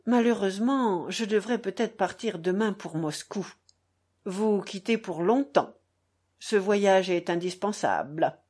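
A woman reading aloud, voicing a resentful young man who speaks with measured, bitter irony. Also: medium pitch, a little mellow, breathy edge. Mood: grave.

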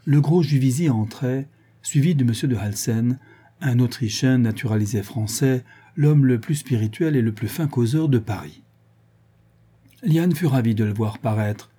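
A man narrating a novel as an audiobook in a measured, literary storytelling style. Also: medium pitch, dark tone, husky.

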